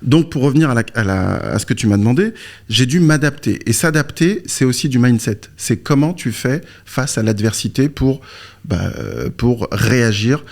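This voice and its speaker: As a guest coach in an interview, a man with a mid-pitched, gravelly, darkish voice talks at normal speed with lively intonation. He explains informally, often asking himself a question and answering it, as if telling his own story. He was born in Morocco and moved to France aged three or four.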